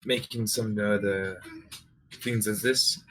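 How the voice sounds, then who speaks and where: A man's voice: on the low side, steady tone, a bit bright, low-quality recording. A man voicing a hesitant female ship navigator. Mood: helpful. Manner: hesitant, halting with fillers. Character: female ship navigator and potion maker, polite.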